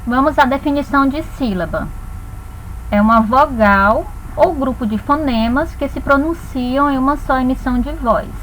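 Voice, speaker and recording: Bright high-voiced teacher. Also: female voice, a little hiss or hum, poor audio. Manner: slow, spelled-out dictation of syllables. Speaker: Portuguese teacher. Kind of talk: recorded grammar lesson.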